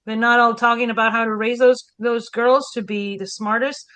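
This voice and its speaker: Co-hosting a casual podcast chat, a historian from Spain speaks with a Spanish accent, a fairly high pitch and a moderate pace. She's an animated storyteller who poses rhetorical questions and acts out quotes.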